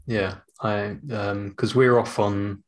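Lowish-voiced British man chatting casually. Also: level tone, slow pace. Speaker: podcast co-host. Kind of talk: casual chat.

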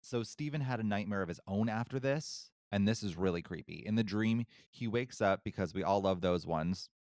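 A man's voice: fairly low pitch, moderate pace, a little mellow, dry recording, studio quality. A man casually retelling a spooky true story as a podcast co-host, with wry, sarcastic asides.

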